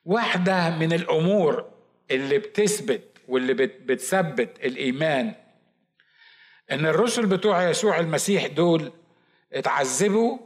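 A man with an Egyptian Arabic accent, preaching a Bible study sermon in a lively, talkative way with asides and mock quotes. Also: fairly high pitch. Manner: says he shouts and talks fast. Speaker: pastor.

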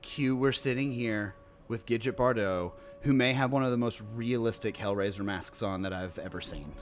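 A man's voice: on the low side, moderate pace, soft background music. A man from Memphis co-hosting a casual interview podcast. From Memphis, United States. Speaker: podcast co-host.

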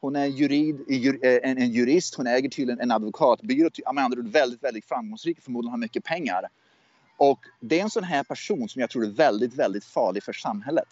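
A man's voice: medium pitch, darkish tone, no echo. Swedish man talking in a dull, dry recording. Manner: hesitant, repeats and restarts words. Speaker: USA correspondent. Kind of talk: casual political chat. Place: southwestern USA.

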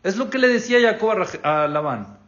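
Male rabbi, slightly high voice, quizzes the class, muffled lo-fi take. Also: big pitch swings, a little fast, a bit bright. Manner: questions the class and acts out the figures' words. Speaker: rabbi teaching a Torah class. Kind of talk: interactive religious lesson. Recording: dull lo-fi recording.

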